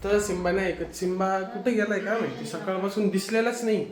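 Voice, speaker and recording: Talking briskly in a high-pitched voice, a young man films a relaxed vlog at home. He teases his relatives in a playful way and speaks straight to the people watching.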